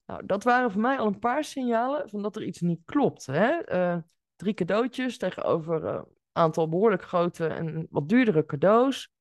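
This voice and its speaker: A woman hosting her own podcast, telling a client's story in an expressive monologue spoken straight to the listener. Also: medium pitch, normal speed, no echo, studio quality. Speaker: podcast host and coach.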